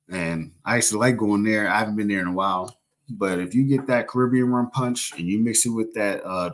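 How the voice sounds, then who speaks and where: A young man casually chatting on a livestream, rambling and joking as he corrects himself mid-sentence. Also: fairly low pitch. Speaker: livestream host.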